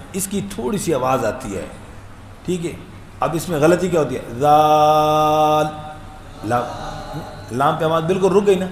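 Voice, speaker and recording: A man, teaching Quran recitation and explaining letter sounds. He talks conversationally, tells humorous anecdotes, and sings out long drawn-out demonstrations of each letter. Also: on the high side. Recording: echoey room with faint background hum.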